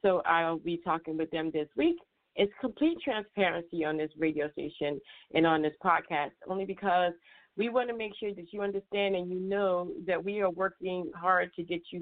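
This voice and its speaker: A woman hosting a radio podcast, talking in a chatty, casual way as she leads an interview. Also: fairly low pitch. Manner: chatty, frequent fillers and restarts. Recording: tinny phone-like audio.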